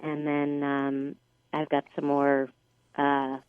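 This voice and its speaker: A woman chatting as a guest, friendly and halting with many fillers. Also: sits low, monotone, clean tone, dry recording. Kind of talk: casual interview chat. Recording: dull dry lo-fi audio.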